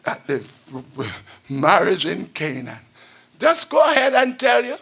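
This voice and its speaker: An older man preaching at a church pulpit, chanting and shouting in a sing-song call-and-response style. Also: high voice, wildly swooping pitch, unhurried, gravelly, husky. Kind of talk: chanted Pentecostal sermon. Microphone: pulpit stand mic.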